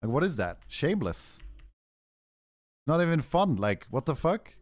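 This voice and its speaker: A man's voice: on the high side, sing-song, fairly quick, dry recording, studio quality. A man with a Norwegian accent, chatting casually on a game stream in a laid-back, profane way full of gamer slang. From Norway.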